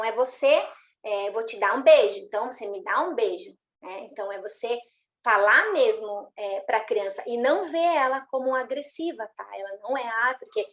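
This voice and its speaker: A woman's voice: a little high, moderate pace, fairly bright tone. A woman speaking as a parenting mentor, chatting in a live online talk and answering questions from the chat, with frequent "né?" tags and restarts. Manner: conversational, frequent "né?", many restarts.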